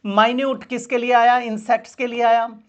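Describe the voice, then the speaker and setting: A woman's voice: on the high side, flat delivery, normal speed, lo-fi sound. A woman teaching an English grammar lesson for exam preparation, asking her class questions and answering them herself, calling her students "beta".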